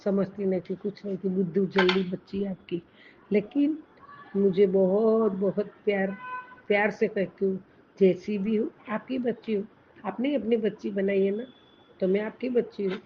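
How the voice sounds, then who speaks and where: A woman prays in a soft, reverent voice, her pitch held flat and even as she repeats her thanks. The recording is dull and lo-fi, with a faint hiss behind her. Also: moderate pace. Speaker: devotee reading and answering messages. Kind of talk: devotional prayer and reading.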